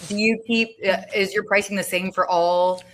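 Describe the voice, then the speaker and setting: A woman's voice: medium pitch, fairly even intonation, moderate pace, a bit bright, slight background noise. A woman hosting a casual interview, upbeat and affirming, asking follow-up questions. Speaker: interview host.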